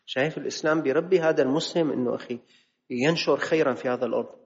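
A man's voice: medium pitch, rapid-fire, gravelly. A man gives an emphatic religious lesson in a mosque hall. He draws out his quotations and keeps posing rhetorical questions. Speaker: preacher. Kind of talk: religious lesson in colloquial speech. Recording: reverberant hall, slightly dull sound.

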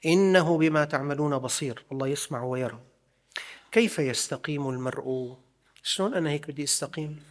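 Man, religious teacher, sermon, repeats rhetorical questions, slightly high voice. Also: a little fast.

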